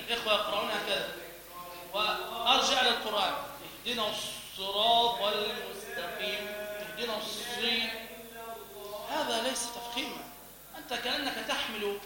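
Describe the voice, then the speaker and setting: A man giving a religious lesson on pronouncing the call to prayer, demonstrating sounds by chanting and repeating syllables. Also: sits high. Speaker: teacher of the call to prayer and Quran recitation. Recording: echoey hall.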